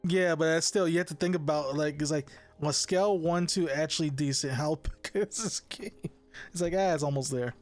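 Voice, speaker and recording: A man's voice: a little high, a little fast, soft background music. A young man hosting a casual podcast chat, rambling with lots of restarts, swearing and laughing. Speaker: podcast host.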